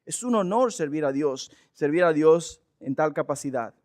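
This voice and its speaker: A man with a noticeably high-pitched voice leads a Bible study from the pulpit. He preaches earnestly and with emphasis, leaning on rhetorical questions to drive each point home. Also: animated, moderate pace, a little mellow. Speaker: pastor.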